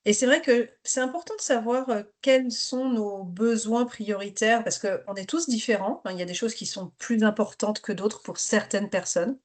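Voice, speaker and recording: A woman's voice: a little high, moderate pace, few pauses. Woman leading an online teacher workshop. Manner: encouraging, invites participants to share. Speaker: teacher trainer leading a webinar. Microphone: video call.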